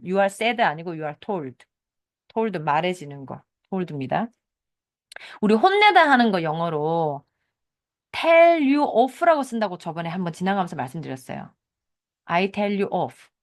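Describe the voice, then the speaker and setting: Chatty Korean woman teaching English. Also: medium pitch. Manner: chatty, explains patterns with example sentences. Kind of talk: casual online English lesson.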